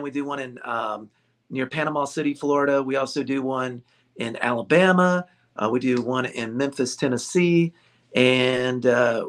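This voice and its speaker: A man's voice: mid-range voice, a bit bright. A man who owns a ukulele store, chatting casually in an interview, joking and laughing often. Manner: jokey, laughs often, rambling.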